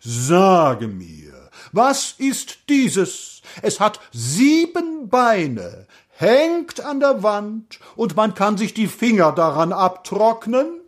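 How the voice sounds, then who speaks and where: A man voicing a gaunt, surly toll-gate keeper in a storybook reading, speaking in a solemn, archaic, drawn-out way. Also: sits high, big pitch swings, pitched above the performer's own voice, exaggerated voice.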